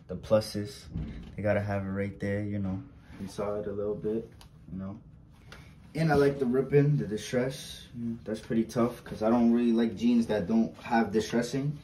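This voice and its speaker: A man's voice: fairly low pitch, steady tone, moderate pace, mellow. Young man, casual vlog host; reverberant room sound, light background hiss. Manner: chatty, slangy, repeats himself, pleads for likes. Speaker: vlogger. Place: small bright indoor room. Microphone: fixed camera a few steps away. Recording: roomy, distant camera sound.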